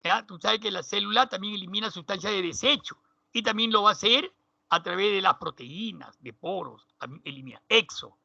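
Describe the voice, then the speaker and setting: A male teacher explaining a biology lesson, often checking in with students and repeating key terms slowly. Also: high voice, vocal fry, bright, forceful tone, dry recording. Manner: checks in constantly with "¿ya?". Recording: dull, dry lo-fi recording.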